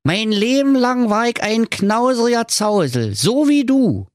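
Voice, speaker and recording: A man's voice: very high-pitched, sing-song, a little slow, dry recording, clean studio sound, pitched above the performer's own voice, heavily acted. A man voicing the ghost of a stingy old male business partner, delivering a solemn warning.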